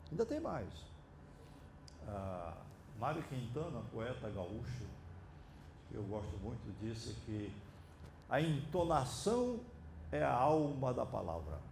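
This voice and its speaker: Brazilian man, psychiatrist lecturing, low rough fry, thoughtful and rambling, auditorium talk. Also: very animated, background noise. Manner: reflective, digressive, with drawn-out pauses and "ah" fillers. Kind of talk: unscripted lecture.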